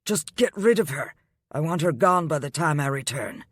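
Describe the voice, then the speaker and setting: A man voicing a wealthy male hotel boss who speaks calmly and coolly and turns curt when annoyed. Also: on the high side, moderate pace, husky, no echo, studio quality, voice pushed up.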